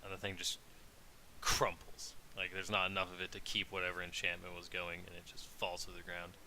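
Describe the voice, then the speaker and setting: A man with a low, sharply bright voice narrates a tabletop game as the dungeon master. He rambles in a relaxed way, full of ums and likes. A faint hiss runs under the recording. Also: fast talker, rough recording. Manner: relaxed, rambling with many fillers.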